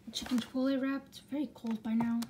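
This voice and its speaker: A woman's voice: fairly high pitch, little pitch movement, quick pace, warm tone, slight background noise. A young woman chatting casually to the camera in a vlog, rambling and now and then dropping to a whisper. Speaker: vlogger.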